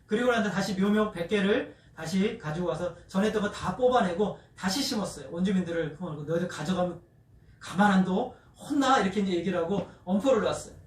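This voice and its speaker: A male pastor preaches, retelling a story with lively asides to his congregation. His voice is notably high and sounds distant from the mic. It rings around a reverberant church sanctuary. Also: fast, few pauses. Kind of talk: sermon storytelling.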